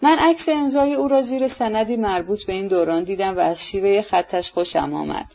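A woman voicing a gentle young prince who explains things seriously, clearly and precisely, on a dull lo-fi recording. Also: mid-range voice. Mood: earnest. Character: gentle, earnest young prince, meek man.

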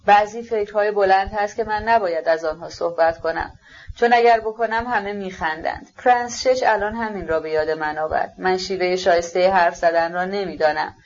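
Earnest young prince, fervent and halting, voiced by a woman reader, lo-fi audiobook sound. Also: medium pitch, lightly acted. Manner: fervent, halting, self-reproaching.

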